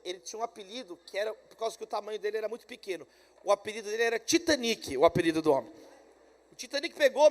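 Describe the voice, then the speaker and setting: A Brazilian man preaching a conference sermon, telling a story with energy and swinging between loud calls and quiet asides. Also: sits high. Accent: Brazilian Portuguese. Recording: long hall reverb.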